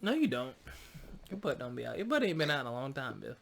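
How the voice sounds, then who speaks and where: A man's voice: medium pitch, very animated, fast, vocal fry, fairly bright tone. A man hosting a podcast in casual chat, laid-back and slangy with a teasing streak. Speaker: podcast host.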